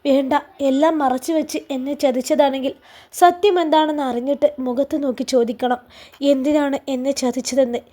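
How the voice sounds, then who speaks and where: A woman's voice: high voice, steady tone, fairly quick, dark tone, lightly acted. A woman reading a storybook, voicing a hurt young wife who answers tersely and holds back tears.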